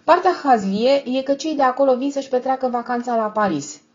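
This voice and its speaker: A woman doing a loud mocking card player. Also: high-pitched, muffled recording, pitched above the performer's own voice, lightly acted. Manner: teasing, shouting.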